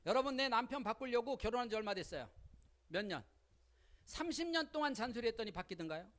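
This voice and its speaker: Woman, seminar lecture, high pitch, very lively intonation, colloquial, rhetorical questions. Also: fast talker. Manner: colloquial, with frequent rhetorical questions and acted-out quotes.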